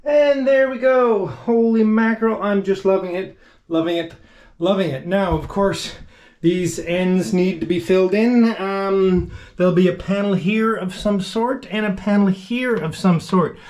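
This middle-aged man has a high voice with a darkish tone and takes his time. Working in the cabin of a wooden boat, he chats casually and enthusiastically about restoring it, laughing and using filler words along the way.

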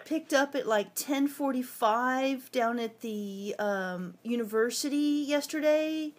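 A woman with a high voice talks into a handheld phone outdoors in a parking lot. She stays polite but keeps pressing for clear answers, asking again and again until she gets them. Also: takes it slowly. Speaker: towing victim filming her ordeal. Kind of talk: handheld phone vlog and phone call. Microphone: phone camera held in hand.

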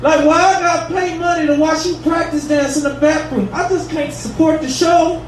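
In an echoey bar comedy room, a man in his thirties with a very high, steady voice does a casual, profane open-mic stand-up set at normal speed. His delivery drawls, and the recording sounds distant and noisy, with audience ambience behind him.

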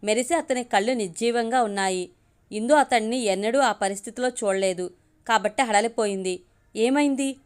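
Calm woman reading a story aloud. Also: fairly high pitch, moderate pace, clean tone. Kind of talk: audiobook story narration.

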